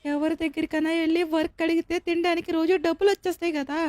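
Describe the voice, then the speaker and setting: A woman with a Telugu accent and a very high voice narrates and plays a kind heroine in a game-video dub. She talks in a lively, emphatic way, recorded dry and close. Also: fast, no room sound. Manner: lively, emphatic, talking to herself. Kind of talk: dubbed game-video role-play.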